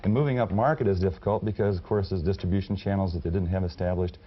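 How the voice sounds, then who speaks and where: A man in his forties comments as co-host in a studio discussion. He speaks low and quickly, with dull vintage TV sound. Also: steady tone, slightly rough. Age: 40s. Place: television studio.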